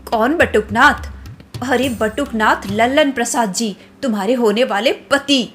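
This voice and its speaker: A woman's voice: a little high, unhurried, fairly bright tone, faint music behind. A woman voicing an anxious young sister-in-law who frets in alarmed exclamations. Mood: worried.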